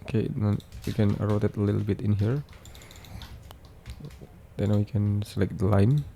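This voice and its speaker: A man narrating an unscripted step-by-step software tutorial, speaking in halting, repetitive phrases with frequent hesitations. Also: on the low side, fairly even intonation, vocal fry, slight background noise.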